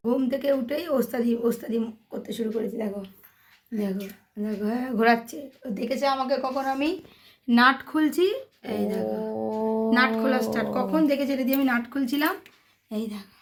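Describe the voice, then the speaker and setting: A woman's voice: fairly high pitch, fairly quick, vocal fry, faint music behind. A woman filming her toddler at home for a casual vlog, coaxing and scolding him while she narrates. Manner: coaxing and scolding a child, exasperated. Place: home, indoors.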